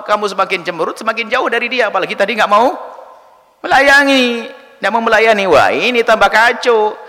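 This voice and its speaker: Male preacher, high and lively delivery, bright tone, long hall echo. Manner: animated, acts out wives and husbands in quoted voices. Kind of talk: sermon answering a question.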